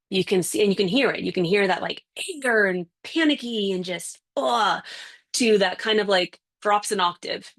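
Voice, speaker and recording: A woman's voice: fairly low pitch, vocal fry. A woman, a parenting specialist, giving a conversational, emphatic talk full of rhetorical questions.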